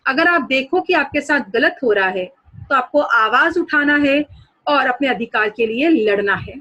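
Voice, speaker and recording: A woman's voice: high voice, animated, unhurried, sharp tone, muffled recording. A woman teacher explaining a story lesson to students, guiding them through pictures and new words.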